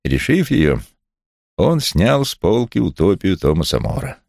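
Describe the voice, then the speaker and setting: Deep-voiced man reading an audiobook. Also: huge pitch swings, measured pace, vocal fry, darkish tone, dry recording, studio quality. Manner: wry first-person storytelling. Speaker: audiobook reader. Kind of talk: scripted audiobook narration.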